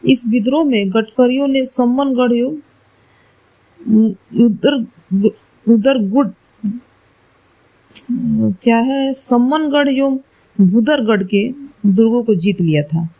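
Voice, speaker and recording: A woman's voice: on the high side, slow pace, pauses often, warm tone, poor audio. A woman teacher going through quiz questions and answers for exam study, explaining carefully and correcting herself aloud.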